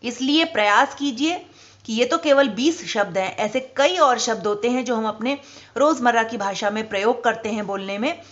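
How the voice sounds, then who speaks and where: A woman teacher giving a spelling lesson to children, speaking slowly and deliberately and stressing each example word. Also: a little high, fairly bright tone, highs cut off.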